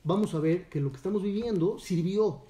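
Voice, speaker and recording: A man's voice: high voice, fairly quick, mellow. A man, a rabbi teaching a Torah lesson, telling a story and asking his listeners questions. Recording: echoey room, distant mic.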